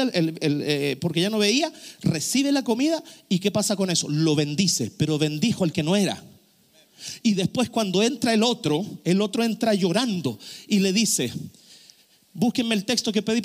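A male pastor in full sermon mode with a high voice. He hammers on key phrases by repeating them and lifts into shouts as he drives a point home.

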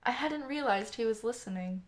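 A woman narrates a first-person story at a slow, deliberate pace. Her voice sits at a medium pitch, soft and measured, with a calm audiobook delivery. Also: creaky.

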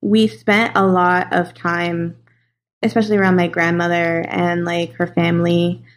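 A woman's voice: lowish voice, level tone, measured pace. Chatty young woman, lots of fillers. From Los Angeles. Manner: chatty, many fillers, laughs easily. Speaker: guest. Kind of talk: casual interview conversation.

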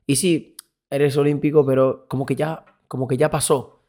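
A young man from Spain, a boxer guesting on a podcast, telling stories in an animated, casual way and acting out quoted voices. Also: mid-range voice, normal speed. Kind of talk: casual interview chat.

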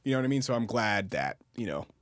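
A man's voice: fairly low pitch, big pitch swings, quick pace, fairly bright tone, dry recording, clean studio sound. A man hosting a casual interview, blunt and rambling, often asking "you know what I mean". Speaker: podcast host.

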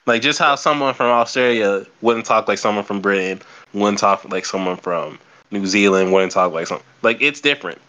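Young guy hosting a podcast, blunt and sweary, kinda low but bright voice. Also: moderate pace. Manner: blunt, swearing, repeats words while thinking. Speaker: podcast host. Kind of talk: casual chat.

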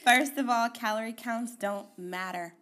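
A woman co-hosting a casual chat show, calm and reflective, sometimes softening to a near-whisper. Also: a little high, a little slow. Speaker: podcast co-host.

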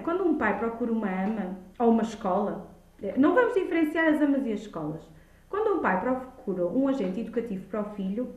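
A high female voice with a European Portuguese accent, recorded in a roomy space with slightly dull sound. She argues her points conversationally and leans on repeated words for emphasis. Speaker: childminder and early childhood educator, podcast guest. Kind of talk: animated conversational debate. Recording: echoey room, dull lo-fi sound.

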